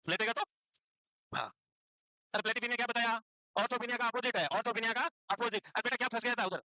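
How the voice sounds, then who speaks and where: A man's voice: extremely high pitch, fairly even intonation, fast talker, sharp tone, dry recording, rough recording. A male teacher, lecturing a class and teasing and scolding students as he quizzes them.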